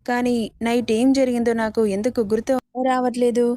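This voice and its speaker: A woman's voice: a little high, level tone, moderate pace, dark tone, dry recording, natural voice. A remorseful young husband, as a woman reads him. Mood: apologetic. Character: guilt-ridden young married man, an office worker.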